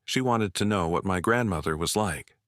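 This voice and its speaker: A man voicing a soft-spoken, tender young mother. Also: low-pitched, moderate pace, no room sound, clean studio sound. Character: warm-hearted young mother, quiet and tender.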